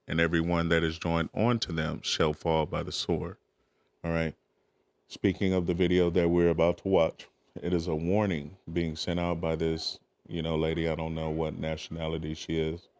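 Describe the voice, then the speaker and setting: A man's voice: low-pitched, no room sound. A man preaching, reading archaic scripture verses aloud and breaking in with short asides to his listeners. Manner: reads archaic verses, tags asides with "all right?".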